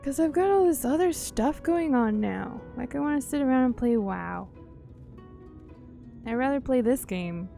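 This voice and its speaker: Over game music, a woman livestreams her gameplay and chats informally, musing aloud and often letting sentences trail off. Her high voice is expressive, warm and a bit creaky, at a normal speed.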